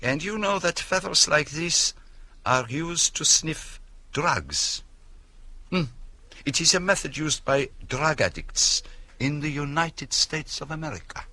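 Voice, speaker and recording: An actor playing Hercule Poirot, a shrewd foreign detective who speaks in a deliberate, probing way full of rhetorical questions, in a radio drama. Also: male voice, fairly high pitch, sharp tone, full character voice. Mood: musing, probing.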